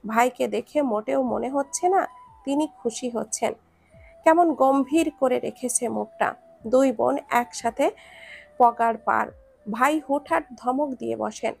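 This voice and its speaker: High-voiced woman narrating a story. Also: unhurried, vocal fry, husky, soft background music.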